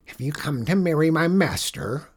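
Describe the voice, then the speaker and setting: List: dim goblin guard, voiced by a man, gruff, raised pitch, husky, storybook. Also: big pitch swings, moderate pace. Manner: gruff, easily swayed. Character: dim, mercenary granite-colored male goblin guard.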